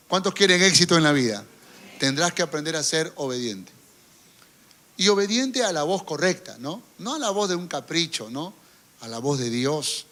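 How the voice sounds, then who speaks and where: A man's voice: on the high side, sharp tone. A pastor preaching a sermon, often turning to the congregation with rhetorical questions and stories from his own ministry.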